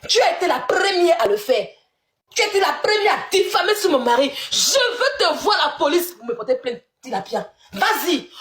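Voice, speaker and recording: High-pitched woman ranting with mocking laughs. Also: a bit bright, reverberant. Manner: heated, mocking, laughs scornfully between jabs. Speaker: social media personality in a feud. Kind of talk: angry livestream rant.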